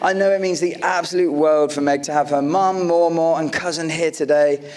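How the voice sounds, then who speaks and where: A man's voice: fairly high pitch, steady tone, moderate pace, darkish tone. A man in his late thirties, a groom giving an affectionate, joking wedding toast to his guests. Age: late 30s. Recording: live event with audience laughter. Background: wedding guests laughing and reacting.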